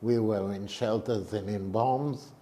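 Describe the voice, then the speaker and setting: Slow, deep-voiced man in his eighties. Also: fairly even intonation, mellow, slight background noise. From Israel. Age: 80s. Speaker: interviewee, retired professor. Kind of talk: interview answers.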